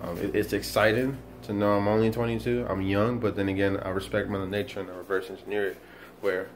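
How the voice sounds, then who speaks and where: A low, flat-voiced young man in his 20s vlogs fast with a casual motivational monologue. He is earnest and rambling, restarting and repeating often, and a little hiss or hum can be heard.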